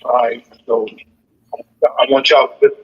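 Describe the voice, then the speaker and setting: A man's voice: medium pitch, flat delivery, unhurried, husky. A man calling in over a crackly phone line on speaker that fades in and out, earnestly lecturing and repeating himself for emphasis. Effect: crackly phone line on speaker, fading in and out. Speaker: caller.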